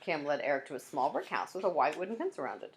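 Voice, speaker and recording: With a low, sing-song voice at a fast clip, a woman teacher reads a children's chapter book aloud. She adds cheerful asides aimed at the young kids listening.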